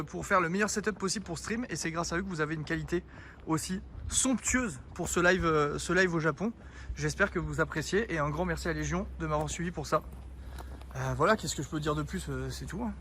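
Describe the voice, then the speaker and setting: A young man on a casual outdoor IRL stream in a town street teases and jokes with his chat while a little out of breath. His voice is on the high side and sharp in tone, fairly quick, with slight background noise.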